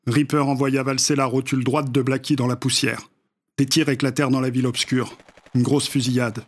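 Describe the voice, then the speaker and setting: Man narrating a dark story, measured. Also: mid-range voice, flat delivery. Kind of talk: audiobook narration.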